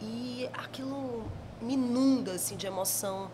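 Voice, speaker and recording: A woman's voice: on the high side, moderate pace, noisy background. A woman in her forties from Bahia, with a Bahian accent, chatting expressively as a podcast guest in a studio. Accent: Bahian Portuguese. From Salvador, Bahia, Brazil. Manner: expressive, gestures a lot while talking. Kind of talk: casual interview chat. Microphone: studio mic on a stand.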